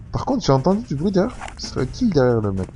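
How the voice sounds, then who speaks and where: A man's voice: on the high side, noisy background. A man giving casual let's play commentary, chatty, laughing often and swearing freely. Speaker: gamer.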